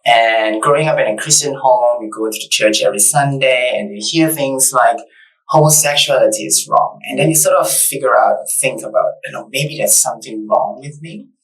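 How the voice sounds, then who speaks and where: A man's voice: mid-range voice, normal speed, fairly bright tone, distant mic, rough recording. A man in his thirties from Malaysia, a podcast guest telling his story in an earnest, reflective way. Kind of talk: casual interview conversation. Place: bright studio set.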